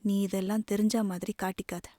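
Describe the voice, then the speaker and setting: A woman voicing a heartbroken young man who gently soothes his younger sister in a subdued way. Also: mid-range voice, level tone, fairly quick, dry recording, clean studio sound, lightly acted. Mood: soothing, subdued.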